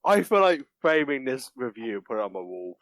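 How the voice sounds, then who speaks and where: A man's voice: mid-range voice, big pitch swings, fairly quick, a bit bright, no echo. A man co-hosting a podcast in casual chat, reacting with amusement. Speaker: podcast co-host.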